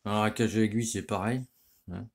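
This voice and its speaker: A middle-aged man with a deep, low voice gives a loose, slangy walk-through as he works on an engine in his garage. He rambles, restarts phrases and keeps checking in with the listener. Faint clicks and tool noises sit in the background. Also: steady tone, fast talker, noisy background. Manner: rambling and slangy, saying "tu vois" constantly. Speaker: motorcycle mechanic. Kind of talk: casual workshop how-to talk.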